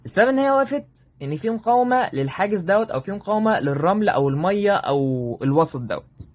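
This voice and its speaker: A man with an Egyptian accent teaching a review lesson, addressing students directly and checking in with quick questions. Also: high-pitched, big pitch swings, a little mellow. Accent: Egyptian Arabic. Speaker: math teacher.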